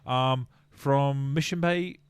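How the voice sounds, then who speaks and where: On a casual tech podcast, a co-host with a New Zealand accent keeps things chatty and jokey, tossing in quick asides. His voice sits at medium pitch, and the recording is clean and dry.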